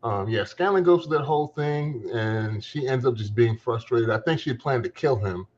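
A man's voice: mid-range voice, animated, normal speed, a little mellow, lo-fi sound. A man co-hosting a podcast, chatting casually and thinking aloud with many fillers. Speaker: podcast co-host. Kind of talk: casual chat.

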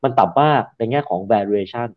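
A man's voice: fairly low pitch, moderate pace. Confident Thai man analyst, dull sound. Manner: confident, emphatic, mixes English finance terms. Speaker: securities analyst guest. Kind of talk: expert interview answers.

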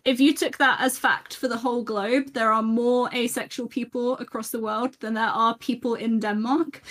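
A woman co-hosting a podcast, chatting casually in a halting, self-interrupting way. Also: a little high, fairly even intonation, fairly bright tone. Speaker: podcast co-host. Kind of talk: casual chat.

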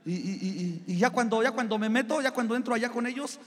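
A man's voice: very high-pitched, fast talker. A man with a Mexican Spanish accent, a pastor preaching a sermon with a personal story, talking conversationally to the congregation as brothers. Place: church sanctuary. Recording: long hall reverb.

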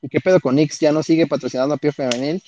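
Rapid-fire and steady in tone, this Mexican-accented streamer has a slightly high, mellow voice. He talks casually and profanely in slang, reading chat and answering it. The dull, dry lo-fi recording has a little hiss or hum.

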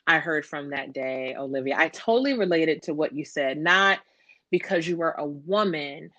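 A woman's voice: low voice, moderate pace, a bit bright, dry recording. A woman hosting a podcast interview, chatty and upbeat as she introduces her guest and asks questions. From Atlanta, USA. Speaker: podcast host.

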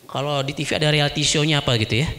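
A man preaching a sermon as an animated storyteller who acts out voices. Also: a little high, very fast.

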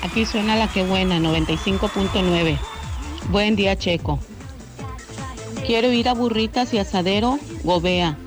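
A woman's voice: medium pitch, moderate pace, music in the background. A woman sending a radio station a recorded message in which she tells a joke cheerfully.

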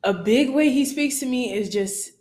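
A woman's voice: high voice, normal speed, a little mellow. A young woman co-hosting a casual faith podcast, leading the topics and affirming her partner with frequent hums. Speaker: podcast co-host. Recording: echoey room.

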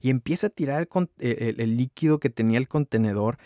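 A man tells a personal story in a relaxed, rambling way, full of fillers and acted-out quotes. His voice sits at a middle pitch. The recording is close and dry, with no room sound. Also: quick pace, no room sound. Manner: relaxed, many fillers, acts out quoted speech. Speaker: podcast host. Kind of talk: casual storytelling with devotional reflection.

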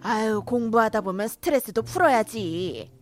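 A woman's voice: fairly high pitch, expressive, moderate pace, natural voice. A woman voicing a domineering older mother-in-law who scolds sharply and favors her grandson, in a cartoon drama. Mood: scolding. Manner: scolding, sharp, rising to shouts. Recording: faint background music.

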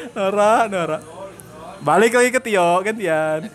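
A young adult man from Purwakarta, West Java, Indonesia, hosts a podcast full of loose, slangy banter and casual joking chat. His voice is notably high for a man, and he takes it slowly, telling animated stories that often break into giggles.

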